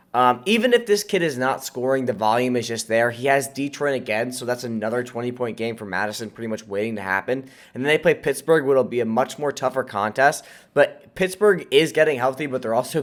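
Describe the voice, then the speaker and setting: An American man hosts a fantasy football channel while sick with a cold, so his mid-range, slightly bright voice comes out nasal and congested. He gives viewers casual, emphatic fantasy football advice.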